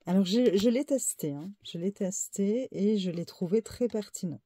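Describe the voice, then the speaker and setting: A woman who reads oracle cards, slowly listing the card names one by one and unsure how to say some of them. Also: mid-range voice, warm tone, a little hiss or hum. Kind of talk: slow card-deck walkthrough.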